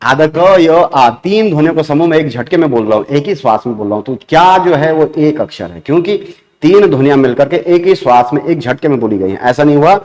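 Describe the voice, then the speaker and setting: A man's voice: a little high, animated, fast talker, hardly any pauses, darkish tone. Man explaining grammar step by step, repeating himself. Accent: Uttarakhand. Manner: explains step by step, repeating key terms and asking questions to the class. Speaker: teacher. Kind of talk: exam-prep grammar lesson.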